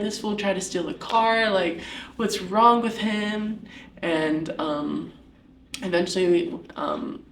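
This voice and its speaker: A woman's voice: on the low side, reverberant, distant mic, a little hiss or hum. A young woman giving a casual personal testimony at church, telling her story with lots of "like" fillers.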